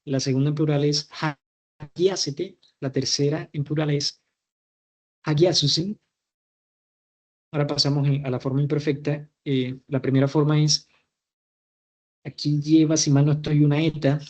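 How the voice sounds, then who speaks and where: A young man, a university student, reading out verb conjugation exercises carefully, pausing on fillers and correcting himself. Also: a little high, little pitch movement, a little mellow.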